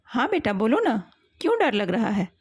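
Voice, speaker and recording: A woman voicing an elderly grandfather who gently soothes his granddaughter on the phone in a storybook tale. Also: on the high side, very animated, normal speed, breathy edge, no echo, clean studio sound, full character voice. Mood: gentle. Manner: gentle, coaxing.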